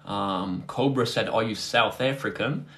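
Sitting near a phone on a tripod indoors, a twenty-something British man runs a casual tutoring livestream, talking straight to his viewers and taking their questions. He speaks unhurriedly, his voice on the low side and sharp in tone.

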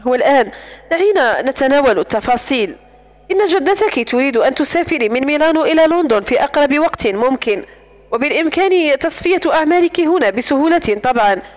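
A woman's voice: sits high, animated, fast talker. Brief: woman reading as serious businesslike man. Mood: earnest. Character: composed man handling family affairs.

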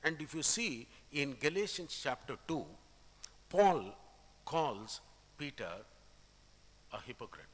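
At the pulpit of an echoing church hall, a male preacher with an Indian accent gives an expository sermon that includes scripture readings. His voice is on the high side and very animated, and he explains emphatically with deliberate phrasing. The recording carries heavy reverb from the hall.

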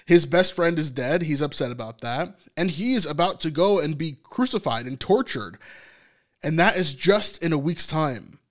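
A man's voice: on the high side, expressive, moderate pace. A man giving a casual, chatty recap of a TV episode, with lots of fillers and frequent small laughs. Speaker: TV episode reviewer.

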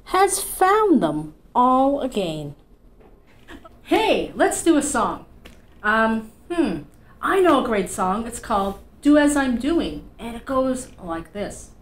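A middle-aged children's librarian from Canada, with a Newfoundland accent, hosts storytime at home in a cheerful, sing-song, encouraging manner. Her voice runs a little high and sounds reverberant. She sits in an armchair in a small indoor room, recorded by a fixed camera a few feet away.

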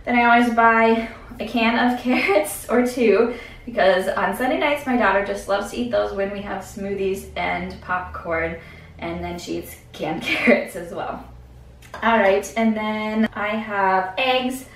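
A woman's voice: mid-range voice, a little slow, recorded from a distance. Chatty woman in an echoey kitchen. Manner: chatty, thinks aloud with fillers. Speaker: vlogger. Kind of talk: casual grocery haul walkthrough. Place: home kitchen, indoors. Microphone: camera at a distance.

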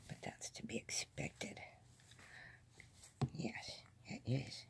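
Whispering woman playing with a cat. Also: slow pace. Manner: soft whispered baby talk to a pet.

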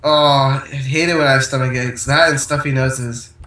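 A man's voice: mid-range voice, steady tone, normal speed, pushed and bright, far from the mic. Young man groaning on an echoey mic. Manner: joking, dramatic groaning. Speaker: gamer. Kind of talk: casual gaming chat. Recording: echoey room mic from afar, faint hiss.

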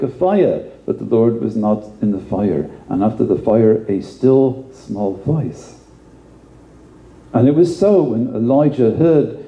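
A man's voice: medium pitch, dark tone, echoey room, dull audio. A male pastor giving a conversational sermon, often repeating words and adding asides.

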